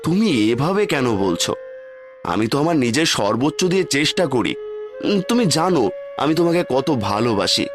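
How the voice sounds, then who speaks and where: A man's voice: medium pitch, very animated, normal speed, natural voice. A meek, poor cartoon woodcutter, mild and hurt, voiced by a man. His mid-range voice rises and falls a lot as he pleads. Music runs underneath. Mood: pleading. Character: poor, gentle, long-suffering woodcutter husband. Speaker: narrator too. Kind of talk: Bangla cartoon voice acting.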